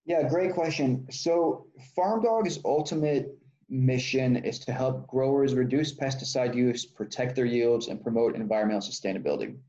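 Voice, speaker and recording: A man's voice: mid-range voice, normal speed, mellow. A man from Texas, a startup founder being interviewed, explaining at length with fillers and self-corrections. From Texas, United States. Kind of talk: conversational interview answers. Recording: dull lo-fi sound.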